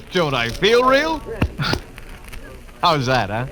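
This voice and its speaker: An actor playing a boyish, breezy long-lost brother with folksy exclamations, in an old-time radio drama style. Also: male voice, on the high side, huge pitch swings, very slow, background noise, exaggerated voice. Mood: jovial. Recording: vintage radio recording with music.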